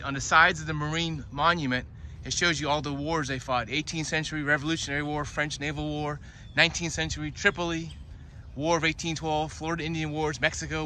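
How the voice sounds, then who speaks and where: Out in a public park, a tour guide narrates his walking tour, describing the sights along the way. His voice runs on the high side and sounds pushed and bright, with city background noise picked up outdoors.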